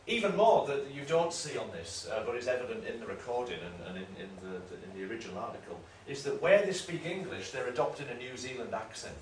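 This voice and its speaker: A man's voice: mid-range voice, sing-song, quick pace, hardly any pauses. A man giving an academic lecture in a discursive, explanatory way, often correcting himself. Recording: roomy room, mic at a distance, faint noise.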